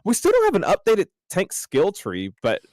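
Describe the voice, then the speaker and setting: A man co-hosting a casual gaming podcast, rambling and excitable, his voice jumping up high when he jokes. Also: moderate pace, dry recording, clean studio sound. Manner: excitable, rambling, jumps up in pitch when joking. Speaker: podcast co-host.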